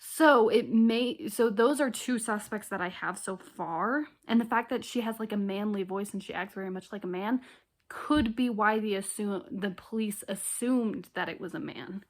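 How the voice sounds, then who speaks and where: A woman's voice: medium pitch, normal speed. A young woman vlogging casually from her bedroom, chatty and giggly as she thinks aloud. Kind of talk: casual chat.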